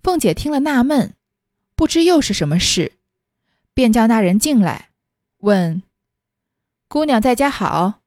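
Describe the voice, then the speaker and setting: A woman's voice: fairly high pitch, big pitch swings, measured pace, pauses often, darkish tone, no echo, clean studio sound. A woman reading a classic novel aloud as a storyteller, giving each character a voice of her own. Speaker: audiobook reader.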